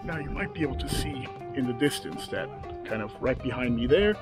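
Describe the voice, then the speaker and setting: Animated and brisk, with a medium-pitched voice, a travel vlogger in his thirties chats to a camera held at arm's length outdoors among desert ruins and a rock canyon. His casual narration is hesitant and packed with fillers, and music plays over the recording.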